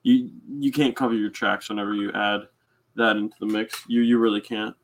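A man's voice: lowish voice, fairly even intonation, a little fast. Agreeable man stumbling through his points. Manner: agreeable, stumbles and restarts words. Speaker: podcast co-host. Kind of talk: casual fan podcast chat.

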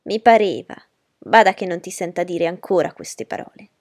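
A woman's voice: lowish voice, normal speed, a little mellow, dry recording, studio quality, close to an everyday voice. A woman voicing a strict middle-aged aunt who scolds the children in a storybook reading. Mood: stern. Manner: stern, reproving.

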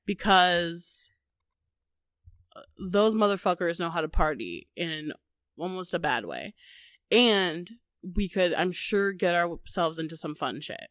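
A woman's voice: on the low side, expressive, takes it slowly, a bit bright, no echo, clean studio sound. A young woman with a Midwestern accent, co-hosting a podcast in casual, giggly chat full of "like". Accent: Midwestern American. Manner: giggly, rambling, heavy on "like". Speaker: podcast co-host.

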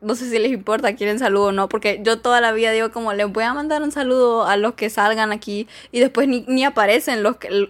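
A young woman, chatting casually as she reads jokes aloud, giggly and full of fillers. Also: mid-range voice. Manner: giggly, chatty, filler-heavy, mock-exasperated. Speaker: vlogger reading jokes.

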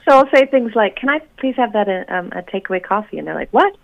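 Speaking fast in a medium-pitched, gravelly voice, an Oregon-born musician guest with an American accent slightly shifted by New Zealand talks expressively in a casual interview chat. She's bubbly, laughs a lot and leans on fillers. The call comes from her home in New Zealand over a tinny phone line.

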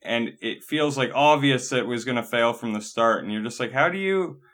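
A man's voice: mid-range voice, a little fast, a bit bright. A man hosting a podcast, chatting in an easygoing way, swearing casually and laughing along with his guest. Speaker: podcast host. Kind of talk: casual interview chat.

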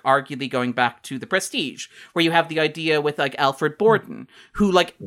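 A man co-hosting a podcast, talking through a film's themes in a long, animated, fast-flowing analysis. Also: on the high side. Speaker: podcast co-host. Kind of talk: casual film discussion.

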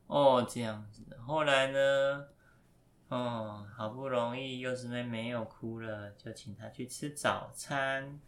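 A father telling a story to his young child, asking gentle, patient questions along the way. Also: mid-range voice, steady tone, takes it slowly.

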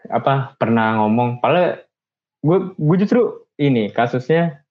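Lively young man, dull lo-fi sound. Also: a little slow. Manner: slangy, animated when telling stories, pitch jumps up. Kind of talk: casual chat.

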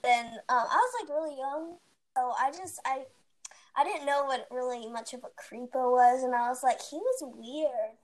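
Teen girl, high voice, rambling story full of "like" and "basically", chatty podcast co-host. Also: normal speed. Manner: rambling, animated storytelling with many fillers. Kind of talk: casual chat, storytelling. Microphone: home mic, recorded remotely.

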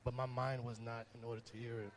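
A man's voice: medium pitch, brisk. Young man preaching casually, faint hiss. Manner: conversational, animated storytelling with rising emphasis. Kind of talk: informal sermon.

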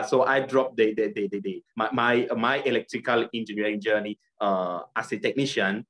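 Casting: young man from Cameroon, earnest and halting, video call guest. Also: fairly low pitch, a bit bright. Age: young adult. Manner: earnest, many fillers and restarts. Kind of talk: interview over video call.

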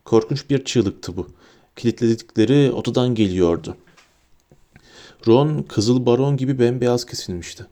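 A man narrating a storybook in a lively, dramatic reading. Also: medium pitch, moderate pace. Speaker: audiobook narrator.

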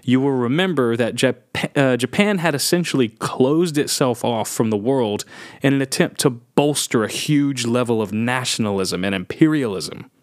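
A man's voice: mid-range voice, moderate pace, no echo, clean studio sound. A man co-hosting a casual history podcast, joking and laughing often, talking through facts with loose restarts. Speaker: podcast co-host.

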